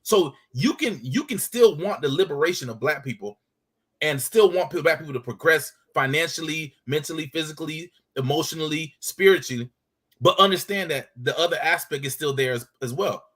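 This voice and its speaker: A man's voice: a little high, fairly quick, a bit bright, breathy edge. A man from the United States with an American accent, calling in to a talk show and making his case with many hesitations and restarts. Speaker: caller. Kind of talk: casual call-in discussion.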